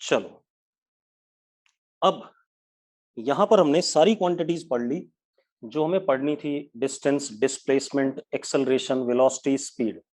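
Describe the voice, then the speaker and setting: A man teaching physics in a live online class, talking briskly in a mix of Hindi and English terms and scolding students by name. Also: mid-range voice, a little mellow.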